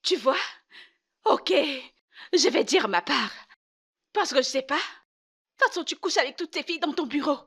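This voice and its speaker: A woman's voice: sits high, expressive, moderate pace, long pauses, fairly bright tone. A woman dubbing a defiant, stubborn young wife in a film drama, talking in heated, repetitive challenges. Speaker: wife in a marriage dispute.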